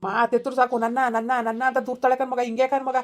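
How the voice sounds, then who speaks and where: Woman as village father: weary, exasperated, quick talker. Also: on the high side, little pitch movement, lightly acted.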